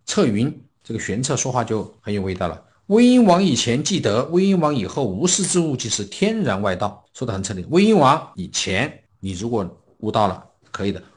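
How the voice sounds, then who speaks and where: A man's voice: medium pitch, brisk, few pauses. A man giving a Buddhist dharma talk, explaining scripture and telling stories, often acting out the people he quotes. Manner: storytelling, acting out quoted speakers with lively swings. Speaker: Buddhist teacher.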